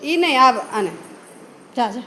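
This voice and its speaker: A woman teacher runs a guessing game for young children in a room full of kids, firing off brisk, repeated commands and fast praise. Her voice sits high and sounds animated, pushed and bright, with a little hiss or hum in the audio.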